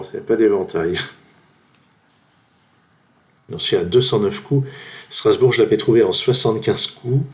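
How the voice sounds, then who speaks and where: Slow-musing French man guessing words. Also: fairly low pitch, darkish tone. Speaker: gamer playing a word-guessing game. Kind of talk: thinking aloud while playing. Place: at home by his computer.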